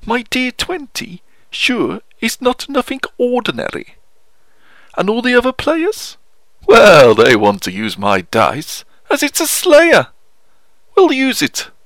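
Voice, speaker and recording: Guy doing a posh hammy poet, swoopy sing-song, slow and gravelly. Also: a bit bright, no room sound, full character voice. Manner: plummy, sing-song, exaggerated swoops in pitch. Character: posh theatrical male poet reciting verse. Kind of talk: comic verse recitation.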